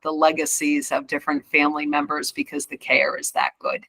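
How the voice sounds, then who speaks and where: A woman's voice: low voice, level tone, a little fast, pushed and bright, no room sound, poor audio. A woman hosting an interview podcast, reflecting on senior care and reacting with enthusiasm. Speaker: podcast host. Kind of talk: conversational interview.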